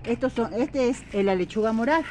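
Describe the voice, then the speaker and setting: A woman's voice: on the high side, animated, fairly quick, mellow. Ecuadorian woman planting in a noisy garden. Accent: Ecuadorian highland Spanish. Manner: chatty, step-by-step, repetitive, addresses viewers as friends. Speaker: home gardening vlogger. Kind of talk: casual how-to vlog. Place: outdoor vegetable garden. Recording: outdoor noise, animals and traffic.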